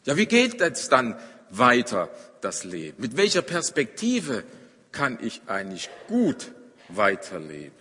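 A man preaching a sermon, telling a story dramatically and moving between loud, emphatic passages and hushed ones. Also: mid-range voice, wildly swooping pitch, measured pace, breathy edge, big-room sound. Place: church.

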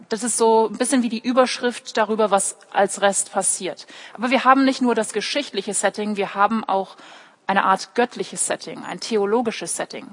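A woman preaching an online sermon, often asking questions and speaking directly to her listeners. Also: mid-range voice. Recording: long hall reverb.

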